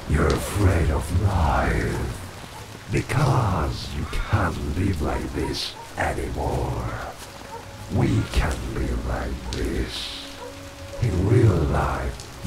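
Possessed demon spirit for a horror game, super slow n taunting, echoey, loud music behind. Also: male voice, extremely low pitch, heavily acted. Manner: slow, menacing, halting delivery. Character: possessed, taunting evil spirit haunting a man's nightmares. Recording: echoing voice under loud music.

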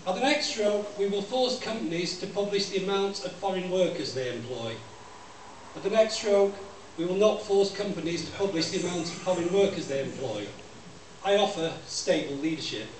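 In his sixties and high-voiced, this poet gives an animated, declamatory reading at normal speed, reciting in a repetitive deadpan way to listeners in a small library room. The audio comes from a far-off camera rather than the stand microphone, leaving it very echoey and noisy.

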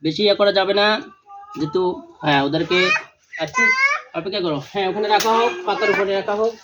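A man filming a vlog outdoors among family, giving brisk directions and repeating religious phrases. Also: high voice, lo-fi sound, very noisy. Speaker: vlogger. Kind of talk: casual vlog, instructing helpers.

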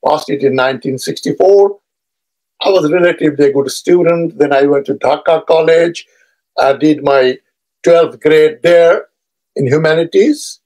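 An older man in his seventies from Bangladesh, whose first language is Urdu, speaks in a husky, darkish voice that sits fairly high. He is a historian vlogger giving a personal introduction lecture from a home study lined with bookshelves, seated in a medium shot before a desk webcam. His delivery is measured and discursive, with frequent "uh" pauses, and the recording is rough.

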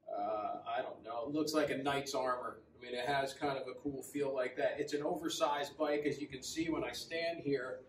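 Man talking loosely with lots of uhs in an echoey showroom. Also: medium pitch. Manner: relaxed, conversational, frequent ums and uhs. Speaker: custom motorcycle builder, shop owner. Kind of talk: casual walkaround shop tour. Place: large indoor motorcycle showroom with metal walls. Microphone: camera several feet away. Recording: roomy echo, distant mic, faint room hum.

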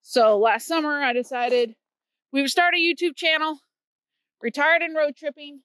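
On a casual walking vlog, a Missouri woman in her fifties tells stories earnestly to her phone camera, held at arm's length, as she hikes winter woods by a creek. Her voice sits high with a fairly bright tone and fairly even intonation, at normal speed, with no echo.

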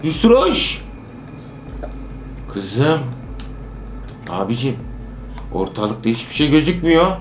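Excitable man yelping through a horror game. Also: mid-range voice, takes it slowly, pauses often, echoey room, a little hiss or hum. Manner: excitable, yelps and repeats words in bursts; joking, role-plays a worried father. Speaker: gamer playing a horror obstacle game. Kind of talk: excited let's-play commentary.

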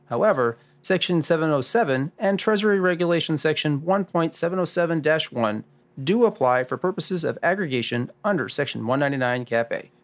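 A man with a slightly high, animated voice talks a little fast, playing an assured, orderly expert sleuth in a scripted radio drama. As the lead expert guiding the discussion, he explains things didactically, sounding confident and instructive.

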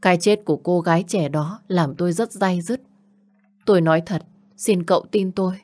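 A humble, guilt-ridden old father, read by a woman in a spoken story. He begs softly in a lowish voice. He sounds worn down by regret. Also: normal speed, lightly acted. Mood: pleading. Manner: humble, pleading. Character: bitter old father, remorseful and pleading.

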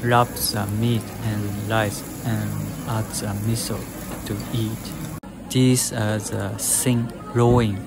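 Young man, slow careful narration, loud music behind, busy crowd noise. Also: fairly low pitch, level tone, gravelly, poor audio. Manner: slow, simple explanations in plain short sentences. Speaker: food vlogger. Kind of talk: narrating a restaurant meal. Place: yakiniku restaurant, indoors.

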